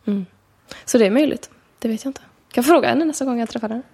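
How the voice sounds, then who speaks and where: Higher-voiced woman with a gravelly edge. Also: dark tone. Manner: chatty storyteller, quick tangents. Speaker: podcast guest. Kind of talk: casual chat.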